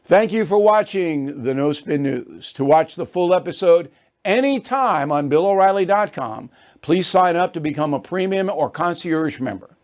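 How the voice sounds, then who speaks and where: An older American host in his seventies with a somewhat high-pitched voice. He talks in a blunt, brisk, conversational way, moving between ad reads and casual chat. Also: animated, darkish tone. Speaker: news commentary host.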